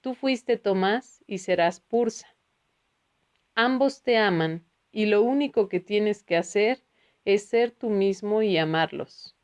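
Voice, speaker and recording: A woman's voice: medium pitch, slow pace, a little mellow, clear, resonant tone, natural voice. A woman voicing a soothing, reassuring spiritual teacher in a read-aloud book.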